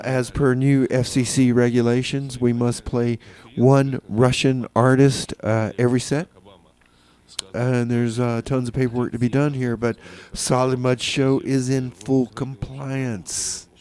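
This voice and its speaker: Between songs, a male community radio host jokes on the mic with a mock-earnest, playfully exasperated air. He rambles and halts, circling back to repeat his own phrases, in a darkish mid-range voice.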